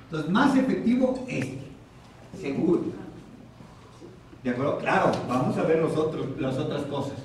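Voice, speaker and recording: A man's voice: on the high side, very animated, a little hiss or hum. Echoey lecturing Mexican man. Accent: Mexican Spanish. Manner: asks the audience questions, repeats key terms slowly. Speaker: psychiatrist giving a talk. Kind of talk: psychoeducation lecture. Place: hospital lecture room. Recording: very echoey room from far off.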